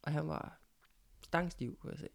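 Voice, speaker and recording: Middle-aged woman, lower register, creaky; matter-of-fact personal storyteller in a casual chat. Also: sing-song. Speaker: guest, mother of the host.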